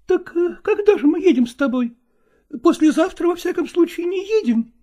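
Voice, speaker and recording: A man's voice: lively intonation, moderate pace, mellow. A man reading an audiobook, voicing a young actress who is jealous and clingy, pleading and reproachful through tears. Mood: tearful reproach. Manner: high, pleading and reproachful, tearful.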